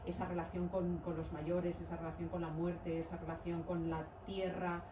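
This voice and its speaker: Low-voiced Spanish woman, echoey room. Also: little pitch movement, moderate pace, far from the mic, background noise. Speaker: journalist host. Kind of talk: book presentation talk.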